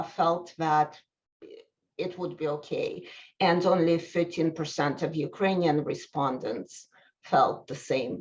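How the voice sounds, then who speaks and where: Slow, hesitant woman giving a talk. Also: fairly low pitch, lo-fi sound. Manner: hesitant, many pauses and ums. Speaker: speaker at a college event. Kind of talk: prepared talk to an audience.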